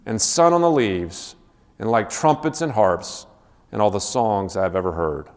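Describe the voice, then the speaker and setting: A man reading aloud the lines of an overjoyed young male hobbit, excited and tumbling over his words. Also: fairly low pitch, a little slow, in a large hall. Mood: joyful.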